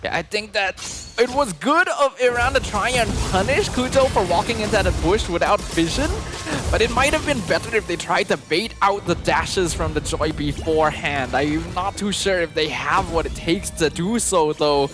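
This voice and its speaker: A man giving analytical esports commentary in a measured, articulate way. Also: high-pitched. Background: game music.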